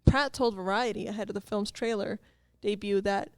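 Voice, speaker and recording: A woman's voice: mid-range voice, fairly even intonation, normal speed, clean tone, no echo, clean studio sound. A woman co-hosting a podcast, asking pointed questions and arguing her view. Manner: questioning, argumentative. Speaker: podcast co-host. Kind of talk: casual chat.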